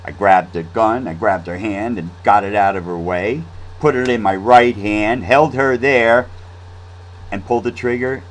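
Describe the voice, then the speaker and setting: A man's voice: fairly low pitch, unhurried, poor audio. A man telling a story in a casual, rambling monologue, with restarts and fillers. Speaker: vlog host.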